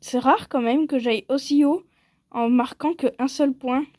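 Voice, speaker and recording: A woman's voice: sits high, normal speed, a little mellow, no echo, clean studio sound. A woman giving casual commentary while playing a mobile game, rambling playfully and poking fun at herself. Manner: playful, rambling and self-mocking.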